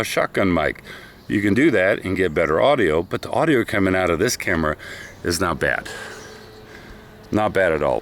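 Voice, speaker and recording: Deep-voiced man vlogging about gear. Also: slight background noise. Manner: chatty, enthusiastic about gear. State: slightly out of breath. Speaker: product review vlogger. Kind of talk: casual talking-head vlog. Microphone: camera's built-in microphone.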